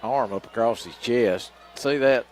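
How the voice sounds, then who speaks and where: A man's voice: mid-range voice, unhurried, a little mellow. A man with a Southern US accent giving casual, folksy color commentary on a live football game. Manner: folksy, plain-spoken.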